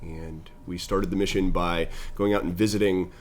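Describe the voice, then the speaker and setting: A middle-aged man, a guest in an interview, telling animated stories about his nonprofit. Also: moderate pace. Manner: animated storyteller, pitch climbs when excited. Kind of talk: conversational interview storytelling.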